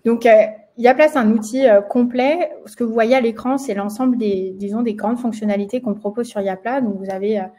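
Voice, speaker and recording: A woman's voice: on the high side, brisk, dark tone. A woman with a French accent hosting a live webinar, with lots of fillers and restarts and a slight frog in her throat. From France. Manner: many fillers, hesitant restarts. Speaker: webinar host, marketing manager.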